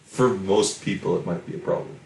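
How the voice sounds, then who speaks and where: A man's voice: low voice, fairly quick, vocal fry, darkish tone, echoey room, slight background noise, rough recording. A man co-hosting a podcast in casual chat, hesitant and full of filler words. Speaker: podcast co-host.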